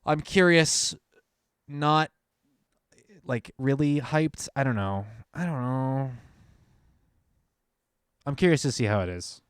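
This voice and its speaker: A man's voice: mid-range voice, slow pace, pauses often, clean tone, dry recording, clean studio sound. A young man co-hosting a podcast in casual chat, reading announcements aloud and adding side comments. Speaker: podcast co-host.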